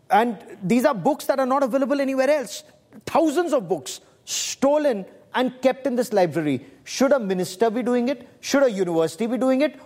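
A male Indian news anchor moderating a live debate in a very high-pitched voice. He speaks with an Indian accent and presses guests insistently, interrupting and stacking rhetorical questions. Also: darkish tone.

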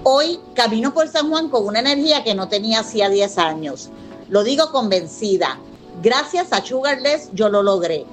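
Woman in her sixties, from Puerto Rico, earnest testimonial, slightly high voice. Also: expressive, moderate pace, soft background music. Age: 60s. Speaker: customer testimonial. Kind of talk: scripted testimonial.

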